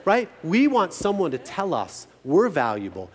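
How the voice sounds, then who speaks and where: A man's voice: on the high side, normal speed. A man preaching a sermon as pastor, telling stories with emphasis and humor. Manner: animated, emphatic storytelling with humor. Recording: long hall reverb.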